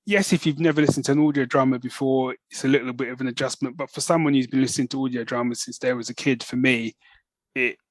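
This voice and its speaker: A man co-hosting a podcast talks quickly in a steady, mid-range voice, captured in a dry recording. He is an enthusiastic fan, chatty and informal, often checking in with the listener with "right?" and "you know what I mean".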